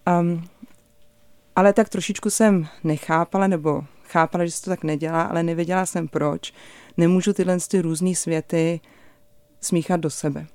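A young adult woman with a deep, low voice, a voice performer telling her story as a guest in an animated way, with many hesitations. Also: no room sound. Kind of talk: conversational storytelling.

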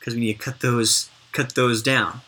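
A woman hosts a casual interview in a very deep voice for a woman, with a raspy grain and a bright, forward edge. She is chatty and encouraging, explaining by example. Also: fairly even intonation, normal speed.

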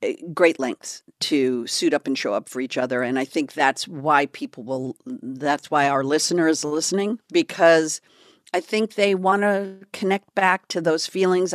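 A California woman with a low voice co-hosts a podcast, telling a story in casual chat and animatedly acting out the people in it through quotes. The recording is dry and of studio quality.

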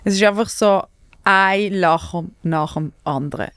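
A woman with a Swiss German accent, a stand-up comedian hosting a casual podcast chat, talking in an animated way and laughing often. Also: mid-range voice, a little slow, clear, resonant tone, no echo, studio quality. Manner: chatty, animated, laughs often, loses her thread.

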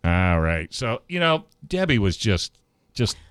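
A man's voice: on the low side, big pitch swings, a little slow, a bit bright, clear, resonant tone, dry recording. A man hosting a radio talk show, chatting casually and reading sponsor spots.

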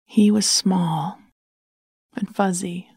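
A woman narrating a bedtime story in a soft, hushed, soothing whisper close to the mic. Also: mid-range voice, steady tone, very slow, husky, no room sound.

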